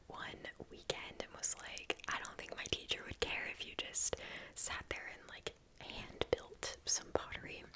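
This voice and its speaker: A woman in her twenties whispering a casual ASMR storytime in a quiet, hushed bedtime voice, chatty and informal. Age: 20s.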